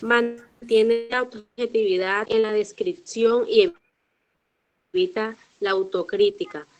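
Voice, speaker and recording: Slow woman student on a choppy video call. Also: a little high, animated. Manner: slow, halting reading with restarts. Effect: choppy, breaking-up video call audio. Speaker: student reading aloud. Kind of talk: reading aloud in an online class.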